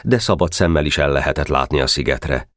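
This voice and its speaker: A man's voice: extremely low pitch, lively intonation, a bit bright, no echo, clean studio sound. A man reading a classic novel aloud as an audiobook narrator, voicing the boys' lines himself in the tense scenes. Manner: reads all the boys' parts himself, whispering and calling out in the tense night scenes.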